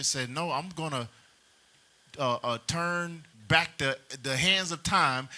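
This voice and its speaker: A man's voice: on the high side, sharp tone. A man hosting a casual panel talk, emphatic and joking, with mild cursing. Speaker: show host.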